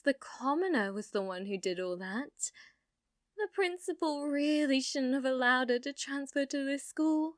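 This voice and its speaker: With a high voice, a woman voices a cruel, arrogant young noble villainess for ASMR, delivering theatrical taunts and frequent breathy whispers. The studio-quality recording has no echo.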